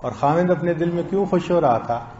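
A man preaching a sermon, telling stories and acting out quoted lines in a slow, deliberate delivery. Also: on the high side, mellow, slight background noise. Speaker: Islamic preacher. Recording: roomy, dull lo-fi recording.

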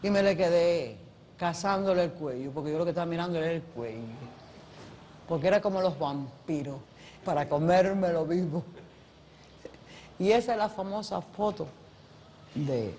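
A woman's voice: on the low side, moderate pace, pauses often, slight background noise. A woman, an actress, telling a story in a documentary interview, acting out other people's lines as she goes. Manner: lively storyteller who acts out others' voices. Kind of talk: animated anecdote telling.

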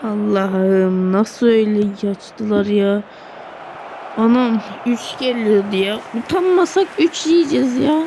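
Excitable gravelly young woman gamer. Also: medium pitch, slow, a little hiss or hum. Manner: excitable, groaning and shouting at the game. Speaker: gaming streamer. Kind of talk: live gameplay commentary.

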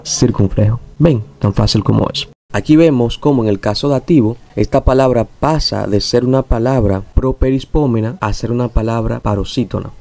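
A man teaching a recorded lesson, taking his time to explain each rule and then repeating it. His voice is gravelly, with a dark, mellow tone and a little fry at the ends of phrases. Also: mid-range voice. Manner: patient, repeats rules to make them clear.

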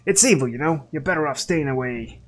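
A man voicing a gruff, hostile middle-aged animal mother in a video game, over soft game music. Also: on the high side, expressive, brisk. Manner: suspicious and hostile.

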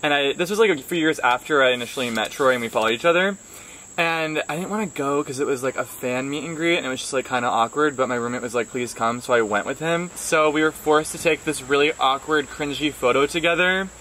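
A man's voice: mid-range voice, fast, bright, forceful tone, rough recording. A man in his twenties hosting a casual chat and reading out social media figures and comments. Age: 20s. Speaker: host, grandson helping his grandmother with social media. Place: outdoors on a wooden deck. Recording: outdoor recording with clear background insect noise.

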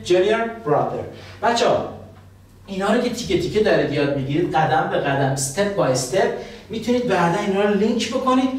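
A man teaching English, explaining in Persian and slowly repeating English phrases for students to copy. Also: high voice. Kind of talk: language lesson, explaining and drilling phrases. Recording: very echoey room, voice from a distance.

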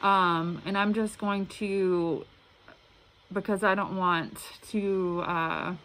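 A woman talks through a face mask, which slightly muffles her words. She gives an informal spiritual reading in an earnest, halting way, often repeating herself. Her pitch is average, and faint noise sits behind her in the room. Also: fairly even intonation, a bit bright. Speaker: tarot reader. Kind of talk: casual spiritual tarot reading to camera. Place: indoor room at a table. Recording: clearly noisy room recording.

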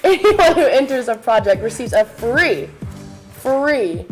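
A woman's voice: a little high, sing-song, unhurried, soft background music. A teenage young woman co-hosting student news, reading school announcements in a chatty, playful manner. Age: teens. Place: small school video studio, seated at desk.

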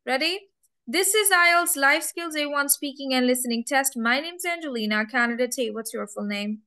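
The young woman's voice is high-pitched, pushed and bright at a normal speed as she conducts a mock English speaking test. Patient and coaxing, she repeats her questions and key words many times in slow, repetitive questioning.

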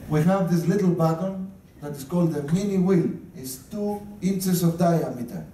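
A man's voice: high-pitched, moderate pace, mellow, a little hiss or hum. A middle-aged man with a Greek accent, a ship captain giving a joking talk to guests on the bridge and chuckling at his own punchlines. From Greece. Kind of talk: humorous guided talk to guests. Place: ship's bridge, indoors. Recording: echoey room, from far off.

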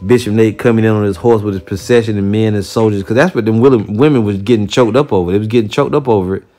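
A man giving an informal preaching commentary, blunt and heated with casual profanity, who reads scripture aloud slowly and deliberately. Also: on the low side, warm tone. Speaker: religious teacher reacting to a video.

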